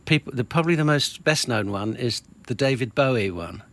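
A man's voice: medium pitch, lively intonation, fairly quick, a bit bright. A man hosting a casual interview, often restarting and repeating words as he thinks. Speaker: host.

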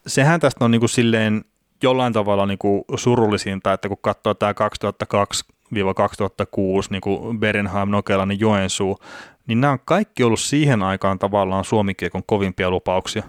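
A man's voice: lowish voice, fairly even intonation, no echo, clean studio sound. A man in a casual podcast chat about hockey, talking hesitantly with lots of fillers. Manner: hesitant, many filler words.

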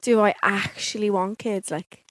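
A woman's voice: mid-range voice, steady tone, a little slow, fairly bright tone. A woman in her twenties with a Dublin Irish accent, co-hosting a podcast in casual, giggly chat and swearing freely. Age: 20s. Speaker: podcast co-host.

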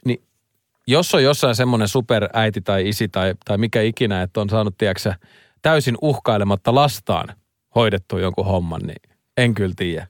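A man's voice: on the low side, dry recording, clean studio sound. A man in his thirties hosting a radio show, chatting casually and telling rambling stories with lots of fillers. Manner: lively, rambling storyteller with many fillers. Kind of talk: casual studio chat.

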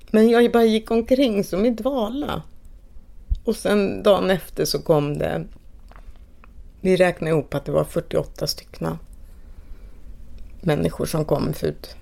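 A middle-aged woman telling her own story in a documentary podcast, speaking haltingly with pauses and restarts. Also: low-pitched, gravelly, darkish tone. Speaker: interviewee, bereaved mother. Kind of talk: personal testimony in a documentary podcast.

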